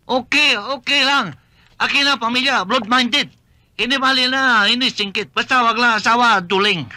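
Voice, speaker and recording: An actor playing an earnest noodle shop owner who courts a woman, with a Chinese-accented broken Tagalog and halting phrasing. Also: very high-pitched, pushed and bright, no room sound, full character voice.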